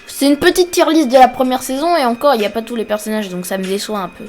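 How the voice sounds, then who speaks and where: A woman's voice: a little high, fast talker, darkish tone, soft background music. A woman giving casual, joking, off-the-cuff commentary while ranking characters, with muttered asides. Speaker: video creator ranking characters.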